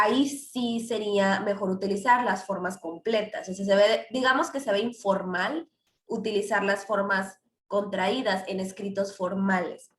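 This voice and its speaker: A woman's voice: medium pitch, reverberant. A woman teaching English grammar in a class, explaining with many fillers and English examples.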